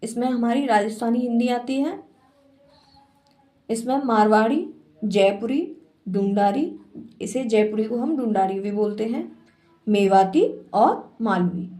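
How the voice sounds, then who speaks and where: A woman teacher lectures slowly and carefully, pausing between each item of a long list. Her voice sits a little high for a woman, and her pace never hurries. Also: mellow. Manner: slow, measured, list-reading delivery. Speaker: Hindi literature teacher. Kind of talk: lecture reading out lists of dialects.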